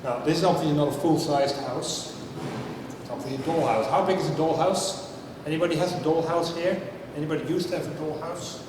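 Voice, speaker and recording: Briskly, a man in his fifties from the Netherlands jokes at his own expense and questions a live audience during a casual science talk night. The echoing hall makes his voice boom, the mic is distant, and noise is clearly audible beneath the speech.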